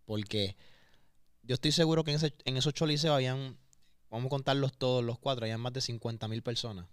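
A man's voice: mid-range voice, fast, smooth, no room sound, clean studio sound. A man with a Puerto Rican accent, a singer guesting on a podcast, talking openly and emotionally, often repeating words as he searches for them. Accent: Puerto Rican Spanish. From Puerto Rico. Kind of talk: candid interview conversation. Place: podcast studio.

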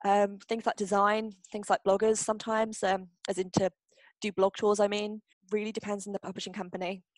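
A young woman runs a casual workshop Q&A, reading questions aloud and answering off the cuff. She speaks at a medium pitch, often repeats herself and restarts her sentences. The recording sounds dry and close, as if made on a webcam mic. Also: level tone, brisk, no room sound, low-quality recording. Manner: chatty, repeats herself, frequent ums and restarts. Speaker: publishing marketing workshop host.

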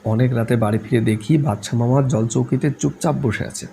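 A man reading a novel aloud in a calm, measured way. His voice is dark and mellow with a rough, gravelly grain, sitting at an ordinary pitch for a man. A faint hiss of noise lies under the reading. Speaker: narrator.

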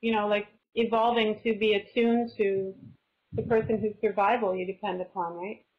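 A woman's voice: mid-range voice, fairly even intonation, moderate pace. A woman from Canada, a guest author in a thoughtful, casual webinar conversation who often restarts her phrases as she thinks. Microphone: video call. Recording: slightly dull lo-fi video call audio.

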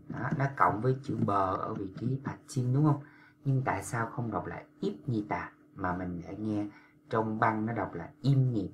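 A man walks learners through pronunciation in a very deep voice. He talks patiently and stretches out syllables when he demonstrates them, with a faint background hum. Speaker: Korean language teacher. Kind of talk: explanatory lesson for language learners.

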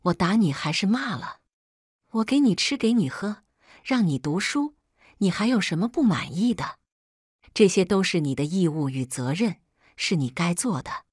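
A hot-tempered middle-aged father barks and scolds, as a woman narrator puts him on. His voice sits low and swings widely as he shouts. The sound is dry and close, with no room around it. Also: big pitch swings, normal speed, husky, dry recording. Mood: angry scolding.

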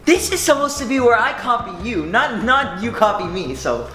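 A man's voice: very high-pitched, very animated, moderate pace, pushed and bright, roomy sound, soft background music. A young man hosting a vlog, chatting casually indoors at home. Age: teens to young adult. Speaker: vlog host. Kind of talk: casual chat.

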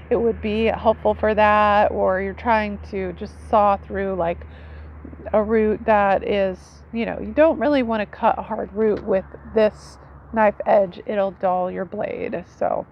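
Under a tree in a leafy yard, a foraging instructor in her forties presents her knives in a relaxed, talk-to-camera explainer, much like a teacher showing gear. Her voice sits in the mid range, and she keeps asking for agreement with "right." The audio is dull and carries ambient outdoor sound.

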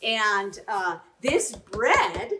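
A woman's voice: mid-range voice, very animated, extremely slow, heavy background noise. A middle-aged woman chef giving an upbeat cooking demonstration in a home kitchen, often checking in with "right?".

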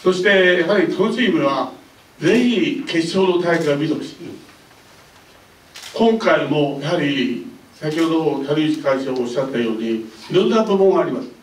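A man's voice: on the high side, expressive. Older man speaking in a roomy hall. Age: older, about 70s. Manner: polite, unhurried and conversational. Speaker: bowling federation director. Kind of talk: formal press conference remarks. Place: indoor press conference room. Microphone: handheld microphone. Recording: roomy, mic a bit distant.

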